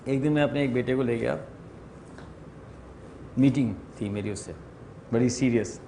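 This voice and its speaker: A man's voice: mid-range voice, dark tone, a little hiss or hum. A middle-aged man leading a training workshop, chatting informally, mixing in English phrases and telling self-deprecating stories to a room. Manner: acts out dialogue in stories. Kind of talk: informal workshop lecture with anecdotes.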